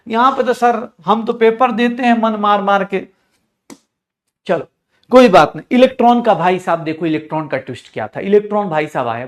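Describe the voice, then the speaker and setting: A man in his thirties from India, teaching chemistry in an animated, joking, scolding way. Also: high voice. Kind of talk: online chemistry lecture.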